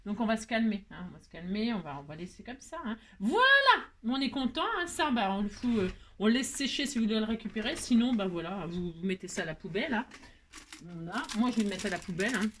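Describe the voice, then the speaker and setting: A woman from France hosting a casual craft tutorial, talking in a playful, self-mocking way and tagging her sentences with a quick "hein". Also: mid-range voice, animated. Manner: cooing baby talk to her pet. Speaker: crafting video host.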